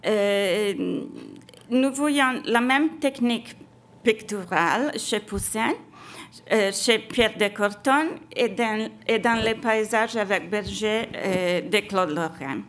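A woman's voice: mid-range voice, slow pace, fairly bright tone. A woman, a French speaker, reading a scripted academic lecture as an exhibition curator, careful and stumbling a little over words. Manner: foreign-accented, non-native French, careful reading with stumbles.

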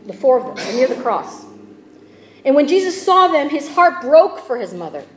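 Woman preacher with a higher voice, dramatic and conversational, in an echoey room. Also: sing-song, moderate pace. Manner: dramatic swings in volume with conversational asides. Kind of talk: sermon.

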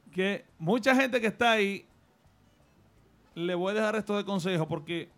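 A man's voice: high voice, a bit bright. A man from the Dominican Republic with a Dominican accent, telling his life story earnestly as a radio studio guest and offering advice. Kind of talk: personal storytelling in a radio interview.

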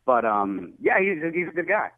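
A man's voice: medium pitch, sing-song, moderate pace, dry recording. A man, a morning radio co-host, calling in and chatting in a friendly way with a few stammered restarts. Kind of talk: casual chat over the phone. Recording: tinny phone line.

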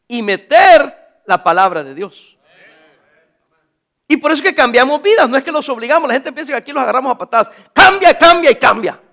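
A pastor preaching a sermon, animated, calling his listeners brothers and acting out the voices of people in his stories. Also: extremely high pitch. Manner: acts out quoted voices.

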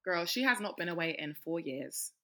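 A woman's voice: fairly low pitch, expressive, normal speed, a bit bright. A British woman hosting a casual podcast, chatting in a slangy, emphatic way. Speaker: podcast host. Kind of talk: casual chat.

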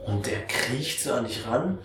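A man narrating a tabletop game as the game master, giving slow drawn-out voices to the characters. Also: medium pitch, expressive, a crowd in the background. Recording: echoey room, distant mic, faint noise.

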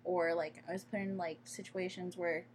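Young woman, lowish pitch, earnest and hesitant, faint room hiss. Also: flat delivery, normal speed. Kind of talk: casual chat.

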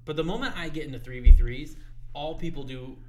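A man's voice: fairly high pitch, a little fast, dark tone, slight background noise. A young man hosting a podcast who talks casually about games, swears, and acts out scenes as he tells them. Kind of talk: casual gaming chat.

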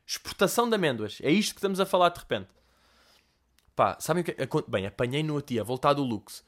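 Young European Portuguese man, podcast host, rapid and expressive comic storyteller. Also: fairly high pitch. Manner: animated, profane, conversational. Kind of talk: comedic storytelling.

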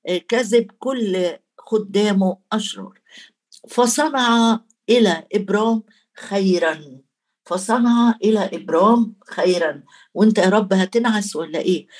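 A woman's voice: mid-range voice, a little mellow. A woman with an Egyptian Arabic accent preaching a Bible teaching sermon. She speaks in colloquial dialect, talks straight to her listeners and quotes scripture in formal Arabic. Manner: colloquial, addresses listeners directly.

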